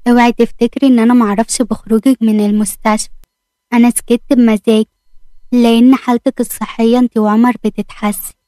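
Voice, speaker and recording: Brief: woman reading a knowing Egyptian doctor, firm, fairly high voice. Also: level tone, fast talker, mellow, dry recording, natural voice. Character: male doctor, stern but caring.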